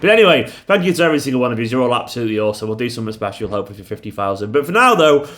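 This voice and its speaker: A man's voice: mid-range voice, very animated, racing, a bit bright. A man hosting a football fan channel, talking casually with emphatic, hyperbolic praise and repeated superlatives. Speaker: YouTube football channel host.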